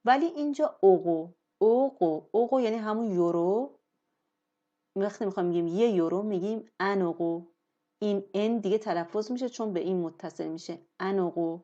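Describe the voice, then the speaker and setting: A woman teaching French in a lesson, explaining patiently and slowing down on example words. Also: mid-range voice, dark tone, highs cut off. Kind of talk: language lesson.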